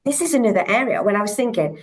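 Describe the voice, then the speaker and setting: A woman's voice: mid-range voice, very animated, rapid-fire. A woman in her forties with a Geordie accent, a language teacher talking on a video call in a chatty, rambling way full of restarts and "you know what I mean?". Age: 40s. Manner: chatty, rambling, many restarts and tag questions. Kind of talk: casual video call conversation.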